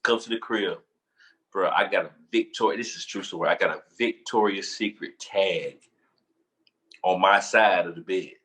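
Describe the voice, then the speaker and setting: Animated man telling a story. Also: sits low, moderate pace, rough recording. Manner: animated, repeats phrases, laughs while telling. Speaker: podcast co-host. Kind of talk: casual storytelling chat.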